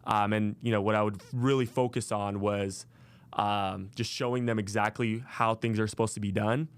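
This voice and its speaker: Young man with a smooth low voice. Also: steady tone, moderate pace, no room sound. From Las Vegas, USA. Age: 20s. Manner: casual, many fillers and restarts. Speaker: podcast host. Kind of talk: solo podcast monologue.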